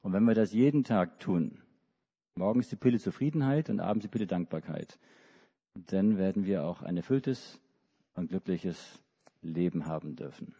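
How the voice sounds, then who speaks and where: This deep, warm male voice carries a breathy edge and moves at a moderate pace. He is a middle-aged Hamburg preacher telling a children's story in church, full of restarts and hesitations. The audio is dull, captured in an echoing hall.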